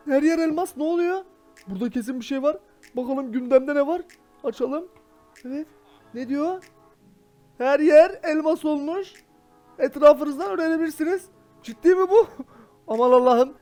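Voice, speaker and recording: A man playing a Minecraft role-play character, excitable and full of exclamations, talking straight to his viewers. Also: very high voice. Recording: faint background music.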